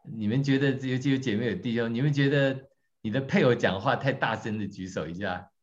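A man teaching a church class, talking in a lively way, quizzing his audience and joking about himself. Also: mid-range voice, fairly quick. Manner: lively, questions the audience, tells jokes on himself. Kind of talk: interactive teaching talk. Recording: dull lo-fi recording.

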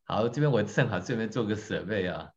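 Guy teaching a church group, kinda low voice, asks the room stuff, muffled recording. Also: fairly quick. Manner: lively, questions the audience, tells jokes on himself. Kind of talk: interactive teaching talk. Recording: dull lo-fi recording.

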